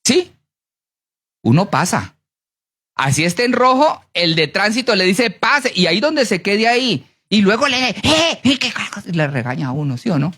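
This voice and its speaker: A preacher giving a sermon, animated, often asking the congregation to answer yes or no. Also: normal speed. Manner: animated, with big swings in pitch and pace.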